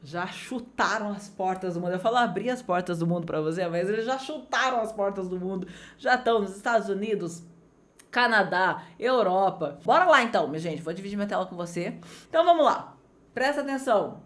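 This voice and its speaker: A woman from Brazil teaching an online English lesson, energetic and chatty, with big swings of pitch as she talks straight to her students. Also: fairly quick.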